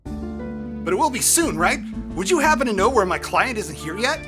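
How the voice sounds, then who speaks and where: A woman's voice: medium pitch, big pitch swings, normal speed, voice pushed up, lightly acted. Woman putting on a bold heroic young man's voice. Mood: earnest, exasperated. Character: earnest young male hero attorney, bold and heroic. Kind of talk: playful video game voice-over read aloud. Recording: music playing behind the voice.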